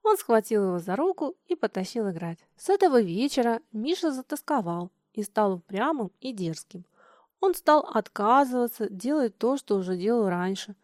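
Brief: woman narrator, animated storybook reading, bright tone, dry mic. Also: a little high, normal speed, no room sound.

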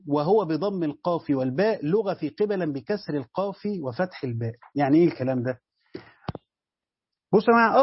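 Egyptian male lecturer, husky and quick, slightly higher voice, dull dry lo-fi recording, explains step by step. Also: no room sound. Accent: Egyptian Arabic. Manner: explains step by step, repeats words, addresses students directly. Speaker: Islamic studies teacher. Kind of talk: lesson commentary on a tafsir text.

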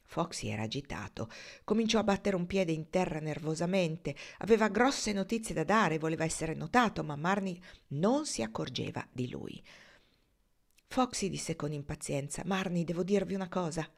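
A woman's voice: low voice, animated, moderate pace, creaky. A woman reading a novel aloud, lifting her voice for the characters' lines. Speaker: audiobook reader.

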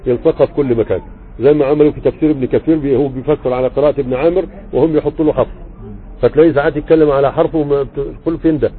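A man's voice: mid-range voice, slight background noise. A man with an Egyptian Arabic accent giving a grammar lesson online. He reads a text aloud, explains it conversationally and keeps checking that his students follow. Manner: conversational, checks understanding often. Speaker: religious teacher explaining grammar. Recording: tinny phone-like audio.

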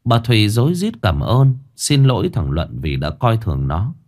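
A man narrating a ghost story in an expressive storytelling manner. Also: on the low side, moderate pace.

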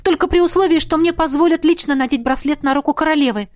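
A woman voicing an eager young heroine who speaks quickly and brightly. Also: high-pitched, voice pushed up.

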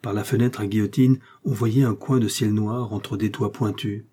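A man reading a classic novel aloud in a measured, expressive way. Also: lowish voice, husky. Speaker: audiobook reader. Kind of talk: literary narration.

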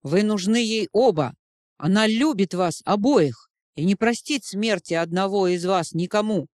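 A stern male vampire, voiced by a woman reader, commanding and firm as he breaks up a brawl. The voice has a middle pitch and a dry, close sound. It comes from a spoken storybook. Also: measured pace, a little mellow, no echo, close to an everyday voice.

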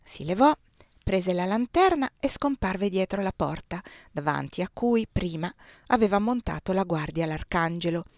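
A woman narrating a novel aloud in an expressive, lively reading. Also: on the low side, normal speed, dry recording, clean studio sound. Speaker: audiobook reader. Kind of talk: audiobook narration.

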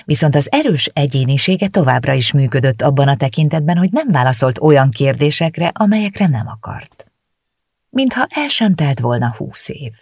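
A woman reading a novel aloud in the first person, with reflective, steady storytelling into a close studio mic. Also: deep voice, breathy edge, no room sound. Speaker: audiobook narrator.

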